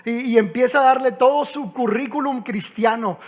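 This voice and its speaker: Animated pastor preaching. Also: male voice, extremely high pitch, normal speed. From Mexico. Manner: lively storytelling, frequent restarts. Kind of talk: sermon.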